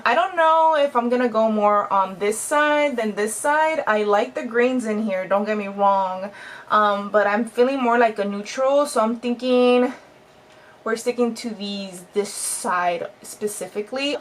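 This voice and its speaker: A woman's voice: fairly high pitch, slight background noise. A woman in her thirties chatting to viewers in a casual makeup tutorial vlog at home, talkative and bubbly. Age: 30s. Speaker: beauty vlogger.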